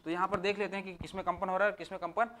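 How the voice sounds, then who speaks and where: A man's voice: high-pitched, little pitch movement, a bit bright, slight background noise. Man drilling letters as a teacher. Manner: asks questions and answers them himself, drilling by repetition; sounds out letters slowly one by one. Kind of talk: exam-prep Hindi grammar lesson.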